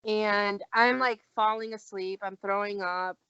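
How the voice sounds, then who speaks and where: A woman's voice: medium pitch, unhurried, clean tone, no room sound. Young woman telling a story, dry lo-fi sound. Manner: animated, acts out quoted dialogue. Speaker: guest. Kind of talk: casual storytelling. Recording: dull lo-fi recording.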